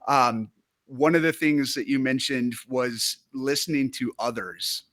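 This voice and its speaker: A man hosts a live interview in a mid-pitched voice. He speaks with steady enthusiasm, heaping praise on his guest and asking long, earnest questions. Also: a little slow. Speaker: host.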